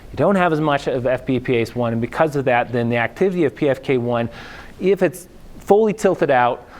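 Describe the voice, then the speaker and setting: A man's voice: mid-range voice, a little mellow. Chatty male professor lecturing. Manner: casual, chatty, checks in with "okay?" often; digresses into joking asides. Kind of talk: university biochemistry lecture.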